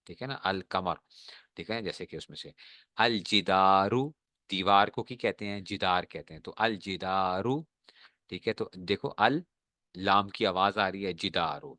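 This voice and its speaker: A male teacher giving a classroom lesson, often checking whether students have understood and drawing out example words slowly. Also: low voice, pushed and bright, no echo.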